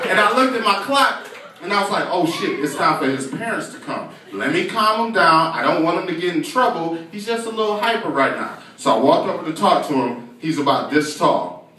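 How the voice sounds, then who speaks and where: Animated young man doing stand-up. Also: sits high, a little fast. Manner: animated, acts out voices, profane. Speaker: stand-up comedian. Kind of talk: stand-up storytelling. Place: comedy club stage. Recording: echoey club, far mic, audience noise. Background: audience laughter.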